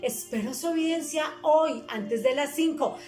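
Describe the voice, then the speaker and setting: A woman's voice: sits high, measured pace, dark tone, faint music behind. Patient woman teaching children. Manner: patient, reminding, spells things out for children. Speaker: fifth-grade Spanish teacher. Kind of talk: recorded video lesson.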